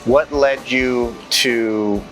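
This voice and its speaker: A man's voice: mid-range voice, fairly even intonation, extremely slow, a bit bright, rough recording. Upbeat male interview host. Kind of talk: casual interview. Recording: music playing underneath.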